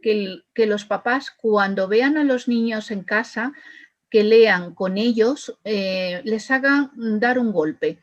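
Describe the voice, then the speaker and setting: A woman's voice: medium pitch, slow pace, lo-fi sound. Woman speech therapist, explaining. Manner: explanatory, gives worked examples with fillers. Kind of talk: explaining to an interviewer.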